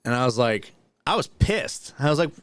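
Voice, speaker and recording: A man of middle pitch who co-hosts a podcast and rambles through stories with plenty of swearing. He often restarts his sentences and leans on fillers. His voice sounds dry and close, with no room around it. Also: animated, normal speed, smooth, dry recording. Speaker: podcast co-host. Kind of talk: casual storytelling chat, then reading news items.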